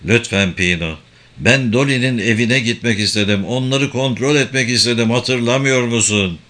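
A man's voice: mid-range voice, moderate pace, fairly bright tone, natural voice. Male narrator doing an older general, proud, cornered, pleading.

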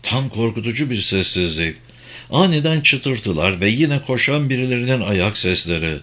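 A man narrating a thriller audiobook in a steady, measured reading. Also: medium pitch.

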